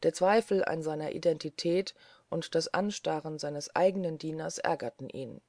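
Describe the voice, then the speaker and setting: An audiobook reader narrating a courtroom story in an even, steady way. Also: mid-range voice, normal speed, no room sound, studio quality. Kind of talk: scripted narration.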